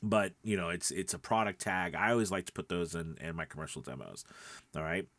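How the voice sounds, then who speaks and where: A voice-over coach and podcast host with a stuffed-up nose gives an informal lesson to camera, conversational and emphatic, often checking in with the listener. His low voice is a bit bright and fairly quick, with no echo.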